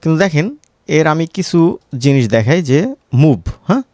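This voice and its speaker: This tutorial instructor, a man with a Bangladeshi Bengali accent, talks casually through a screen-recorded software lesson and keeps tossing in short question tags to check on listeners. His voice sits on the high side, sing-song and a little mellow, at a moderate pace. The sound is dry.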